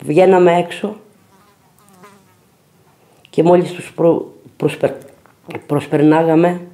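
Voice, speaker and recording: A man's voice: fairly high pitch, steady tone, warm tone. A man, a parent, giving a bitter, accusing documentary testimony. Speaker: interviewee, parent.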